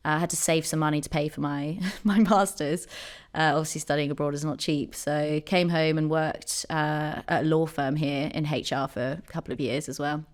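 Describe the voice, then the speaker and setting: A woman's voice: low-pitched, steady tone, normal speed. A woman in her thirties from Jersey, a podcast guest talking casually with lots of ums and likes. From Jersey, Channel Islands. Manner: chatty, many ums and likes. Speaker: podcast guest, company co-founder. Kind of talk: casual interview chat.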